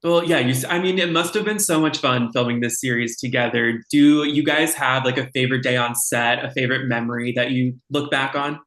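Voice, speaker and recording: A man's voice: mid-range voice, steady tone, fairly quick, few pauses, fairly bright tone. Upbeat man interviewer, echoey room. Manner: upbeat, friendly questions. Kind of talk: entertainment interview.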